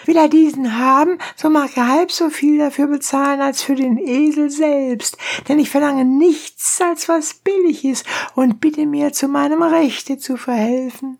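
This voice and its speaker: A woman voicing a loud, indignant male donkey driver who shouts his case before a judge in a storybook reading. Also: sits high, steady tone, a little slow, vocal fry, voice pushed up. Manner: shouting, pleading.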